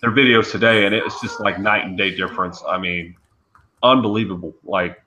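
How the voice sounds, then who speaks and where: A man's voice: fairly low pitch, fairly even intonation, fairly quick, bright, forceful tone, a little hiss or hum. A man hosting a casual video-call panel, talking in an easygoing, encouraging way with lots of fillers. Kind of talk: casual chat. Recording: dull lo-fi video call audio.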